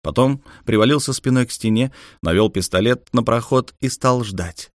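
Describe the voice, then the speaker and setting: A man with a medium-pitched voice narrates an audiobook at normal speed in a steady, even storytelling manner. The studio-quality recording has no room sound.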